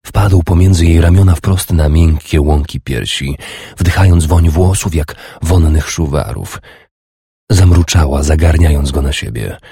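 A man reading a historical romance audiobook in a slow, measured and sensual way. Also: extremely low pitch, gravelly, dark tone, husky, no echo, studio quality. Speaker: audiobook narrator. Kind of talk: scripted narration.

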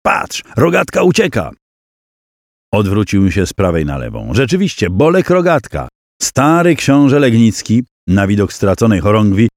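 A man narrating a historical audiobook in a dramatic storytelling style, voicing the characters' shouts and cries along the way. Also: fairly low pitch, dry recording, studio quality.

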